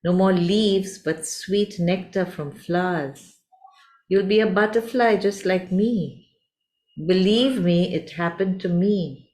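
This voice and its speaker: A woman voicing a kind, wise butterfly in a storybook tale, speaking in a gentle, soothing, patient way. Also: on the low side, slow pace, voice pushed up. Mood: reassuring.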